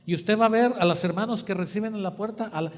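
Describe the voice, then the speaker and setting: A man preaching a sermon, asking the congregation to finish his sentences, moving between quiet and emphatic. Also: sits high, fast. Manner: asks the congregation questions for them to fill in. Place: church hall. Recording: long church hall reverb.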